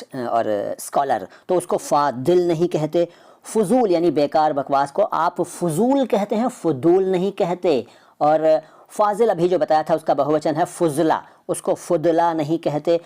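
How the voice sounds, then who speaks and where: A man's voice: fairly high pitch, darkish tone. A man from India giving a spoken video lesson, explaining words in an insistent way, with drilling repetition and rhetorical questions. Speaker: video teacher of Urdu words.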